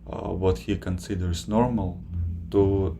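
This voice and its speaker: Slow, low-voiced man streaming. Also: steady tone, dark tone, slight background noise. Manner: slow, halting, many filler pauses. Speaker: streamer reacting to a video. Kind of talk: casual live-stream chat.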